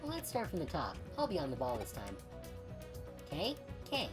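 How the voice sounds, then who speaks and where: A woman's voice: low voice, wildly swooping pitch, normal speed, over music. A woman voicing a bubbly young female record-shop clerk who is an eager, apologetic otaku. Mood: chirpy. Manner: sleepy then chipper, apologetic and eager.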